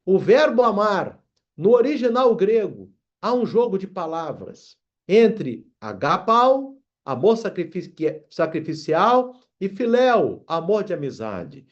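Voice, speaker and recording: A man's voice: high-pitched, big pitch swings, a little slow, muffled recording. A man preaching a sermon, reading scripture aloud and calling his listeners brothers. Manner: addresses congregation as brothers, reads scripture aloud.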